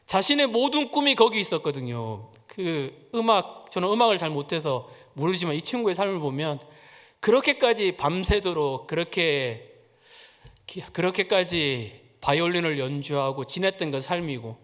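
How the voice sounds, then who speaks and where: A man's voice: fairly high pitch, lively intonation, moderate pace, a bit bright. A man preaching a sermon, telling a personal story and acting out the quoted voices. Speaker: pastor. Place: church sanctuary. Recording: long church-hall reverb.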